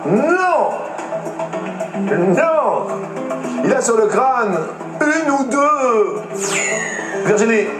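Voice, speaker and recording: A man hosting a TV quiz, playful and lively, giving clues to contestants in an echoey studio. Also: extremely high pitch, drawn-out words, pauses often, over music. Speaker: quiz show host.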